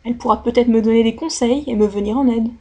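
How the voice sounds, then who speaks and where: A woman's voice: fairly high pitch, fairly even intonation, fast talker, dark tone. A woman voicing a young, lovesick mermaid princess in a storybook reading, timid but determined, speaking earnestly. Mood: longing. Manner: earnest and longing.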